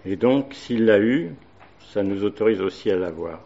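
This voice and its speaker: A man's voice: fairly low pitch, animated, normal speed, warm tone, dull audio. A man preaching a sermon, hesitating often with fillers and reading Bible verses aloud.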